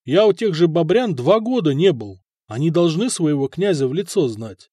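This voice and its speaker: Audiobook: male narrator as a cold, stubborn prince, firm and cutting, fairly high voice, dry close sound. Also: big pitch swings, normal speed, dark tone, no echo. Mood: stern. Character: stern, cold middle-aged prince, stubborn ruler.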